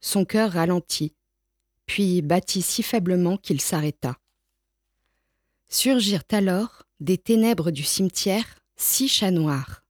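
A woman reads a storybook aloud in a calm, measured, unhurried manner. Her voice sits on the lower side, and the recording is close and dry with no room sound. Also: dry recording. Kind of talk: storybook reading.

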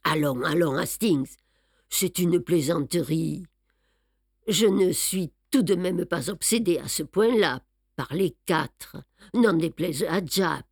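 A woman reading an audiobook, voicing a fussy, precise middle-aged male detective who speaks crisply and teases. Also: on the low side, expressive, slow pace, no echo, clean studio sound, exaggerated voice. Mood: playful. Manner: crisp, teasing, orderly. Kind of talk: audiobook character voice.

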